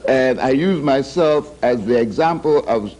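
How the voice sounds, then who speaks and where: A man's voice: mid-range voice, lively intonation, a little slow, darkish tone, a little hiss or hum, rough recording. A man who is a guest historian in a TV studio discussion, talking in a conversational, self-deprecating way.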